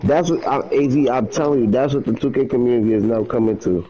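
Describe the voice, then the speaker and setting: A man's voice: medium pitch, fast, dark tone. A young man chatting casually with friends while gaming, trash-talking and laughing often. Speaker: gaming channel host. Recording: slightly dull lo-fi mic.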